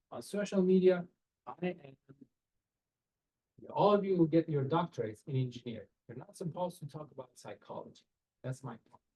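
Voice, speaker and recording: Captured on a webcam during a video-call seminar, a man from Iran advises students on careers in an earnest, direct way, asking rhetorical questions and phrasing things like a non-native speaker. He has a somewhat high, warm, husky voice, and the audio quality is poor.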